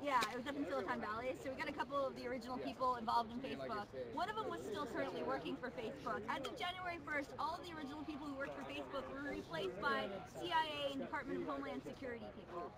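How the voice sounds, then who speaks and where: High, fast-talking woman, firm and insistent. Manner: insistent, states claims firmly. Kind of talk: casual chat. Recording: distant from mic amid loud crowd.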